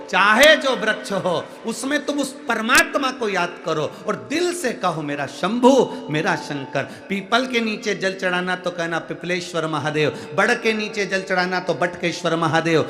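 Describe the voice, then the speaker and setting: A middle-aged man preaching a devotional sermon, emphatic and calling out to the audience for responses. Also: fairly high pitch. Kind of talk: devotional sermon to a large crowd.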